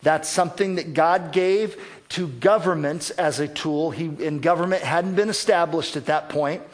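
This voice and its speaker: A man with a somewhat higher voice preaches a sermon. He speaks earnestly and sometimes repeats a word while he searches for the next thought. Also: normal speed. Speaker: pastor.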